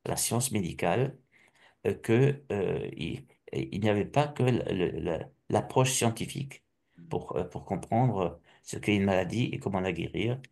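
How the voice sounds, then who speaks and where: A middle-aged man from Alsace giving a personal testimony, halting and restarting often with repeated words. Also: fairly low pitch, lively intonation, vocal fry, a little mellow. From Alsace, France.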